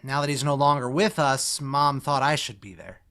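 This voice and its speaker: Recorded remotely online for a musical theatre read-through, a man reads Bobby, an idealistic young man who is evasive about commitment, casual and hedging. He sounds sheepish as he explains, with a medium-pitched, moderately paced voice that is pushed and bright.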